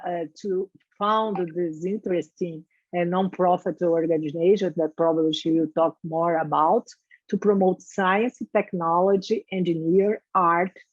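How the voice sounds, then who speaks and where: A woman with a Brazilian Portuguese accent, a Portuguese native speaker, formally welcoming and introducing a guest speaker, halting with many repeated words and restarts. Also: fairly low pitch, a little mellow, no room sound. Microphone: video call. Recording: dull lo-fi video call audio.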